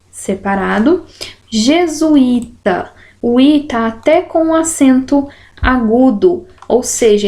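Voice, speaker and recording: Woman, teacher walking through exercises, slow careful delivery, stretched syllables, slightly high voice. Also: dark tone. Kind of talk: explanatory lesson, correcting exercises.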